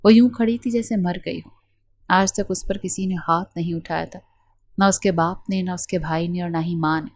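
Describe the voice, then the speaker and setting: Brief: female audiobook narrator, low voice, dry close recording, steady emotive delivery. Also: no echo. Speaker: novel narrator.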